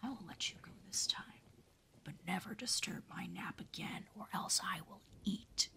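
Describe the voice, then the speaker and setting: A woman voicing a big, boastful male lion in a gruff, mocking whisper for a whispered role-play bedtime story. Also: lowish voice, unhurried, pushed and bright, heavily acted.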